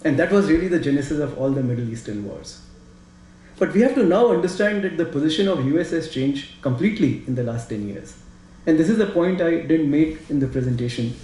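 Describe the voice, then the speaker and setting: A man with an Indian accent on a discussion panel, talking quickly and saying "you know" a lot. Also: on the high side, expressive, dark tone, reverberant, rough recording. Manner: fast, repeats "you know". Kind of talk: discussion talk.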